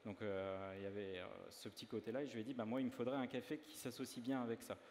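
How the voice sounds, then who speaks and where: A pastry chef from northern France talks through a dessert demo, hesitant and full of filler sounds. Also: male voice, mid-range voice, fairly even intonation, fast, a little mellow. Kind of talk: live demo interview. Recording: reverberant hall, faint ambient noise.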